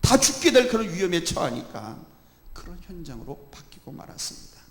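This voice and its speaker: A man preaching a sermon as pastor, animated and bursting into loud emphasis, in a church sanctuary with an echoey hall sound. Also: high voice, fairly quick. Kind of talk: expository sermon. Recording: echoey hall with long reverb.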